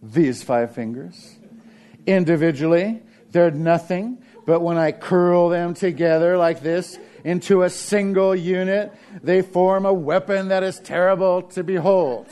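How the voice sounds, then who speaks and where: A man voicing a bossy, blunt young cartoon girl, giving slow, deliberate commands. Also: sits high, dark tone, clear, resonant tone, pitched above the performer's own voice. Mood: threatening.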